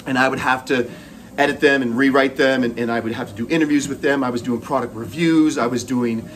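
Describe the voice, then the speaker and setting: A man's voice: medium pitch, fairly even intonation, fairly quick, slight background noise. A middle-aged man with a Canadian accent telling a personal story while running on a treadmill, speaking in short broken phrases. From Moncton, New Brunswick, Canada. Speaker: host.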